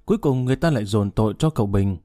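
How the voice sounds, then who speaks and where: A man voicing a calm, formal middle-aged lawyer speaking in a measured way. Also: on the low side, no echo, clean studio sound, close to an everyday voice.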